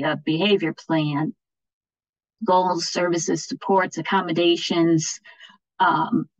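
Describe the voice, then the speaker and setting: This is a fairly low-pitched female trainer giving informal slide-based instruction to education officials over a video-call webinar. She explains things plainly and keeps checking in with the audience. There's no echo, but the high frequencies are cut off.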